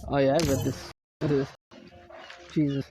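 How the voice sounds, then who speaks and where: A man's voice: mid-range voice, little pitch movement, unhurried. A male streamer giving loose, joking asides while reading through a game story. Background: game music.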